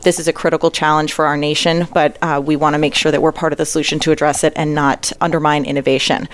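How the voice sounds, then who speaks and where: A woman representing an industry association speaks in a measured, prepared manner. Her voice sits low and stays fairly level throughout, with small filler pauses between points. It is a panel-style interview answer. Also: flat delivery. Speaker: trade association leader.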